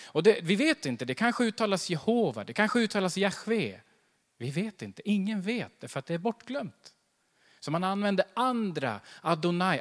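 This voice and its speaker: Male pastor, sermon; high, lively delivery, acts out scenes; long church reverb. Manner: animated, acts out little scenes and quotes scripture. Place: church hall.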